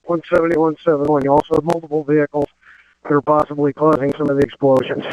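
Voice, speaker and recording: A man's voice: fairly high pitch, level tone, quick pace, darkish tone, no room sound, rough recording. A man giving urgent firefighter radio reports to command over a two-way radio. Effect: two-way radio transmission.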